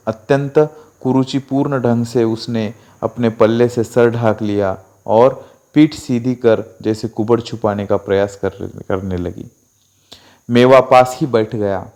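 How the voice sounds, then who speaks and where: Hindi teacher guy reading a story out loud to his class, slow and steady. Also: mid-range voice.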